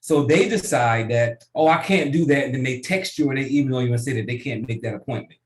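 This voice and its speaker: A man coaching a business group through a software tutorial on a video call, casual and often checking in with "right?". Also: medium pitch, a little fast, roomy sound. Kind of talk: online tutorial training.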